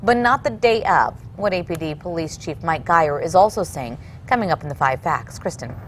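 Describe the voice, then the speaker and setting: A woman's voice: fairly low pitch, expressive, moderate pace, a little hiss or hum. A woman working as a news anchor, reading scripted television news stories.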